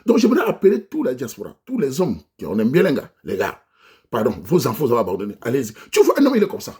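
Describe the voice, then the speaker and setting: A man's voice: medium pitch, huge pitch swings, fast, dark tone, breathy edge. A man from Cameroon with a Cameroonian French accent, delivering an impassioned monologue rant as a vlogger, preaching and exhorting his listeners directly. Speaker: vlogger addressing his diaspora audience.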